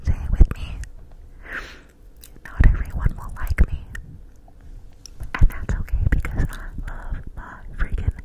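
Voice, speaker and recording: A young adult woman gives an encouraging ASMR pep talk in a breathy whisper, repeating affirmations deliberately, very close to the microphone. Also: poor audio. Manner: slow, deliberate, repetitive, encouraging. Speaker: ASMR host. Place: small room indoors. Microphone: desktop microphone, very close with hands cupped around it.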